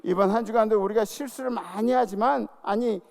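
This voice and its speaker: A middle-aged man preaching a sermon as senior pastor, calling out to the congregation and dropping into soft asides. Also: brisk, creaky. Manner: lively preaching, calls for audience response; drops to soft, low asides. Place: church sanctuary.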